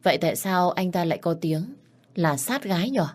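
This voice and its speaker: A frightened young bride speaks earnestly, pleading for answers, as a woman narrating a storybook puts her on. Her voice stays low-pitched. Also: animated, normal speed, darkish tone. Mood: defiant.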